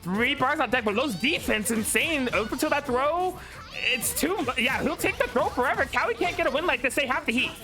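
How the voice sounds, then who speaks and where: A commentator on a fighting game tournament stream, excitable and laughing along with the plays. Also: sits high, brisk, faint music behind. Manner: excitable, laughing, disbelieving shouts. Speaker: esports commentator.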